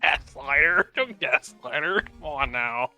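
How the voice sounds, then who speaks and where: A man chatting over a voice call, sarcastic and quick with wisecracks. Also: on the high side, lively intonation, bright, forceful tone, soft background music. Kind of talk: casual chat over voice call.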